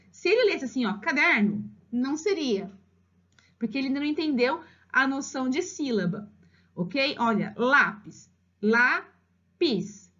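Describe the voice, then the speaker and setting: Lively Brazilian woman teaching literacy. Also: sits high. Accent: Brazilian Portuguese. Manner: lively, drawn-out slow spelling of syllables. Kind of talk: explanatory lesson for parents. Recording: slightly dull lo-fi recording.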